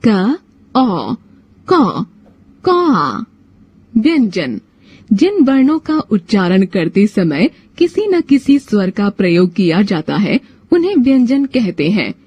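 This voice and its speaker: A woman reading a Hindi grammar lesson in scripted narration, spelling out sounds letter by letter in a measured, deliberate way. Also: mid-range voice, sing-song, warm tone, husky, no echo. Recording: dull, muffled lo-fi sound.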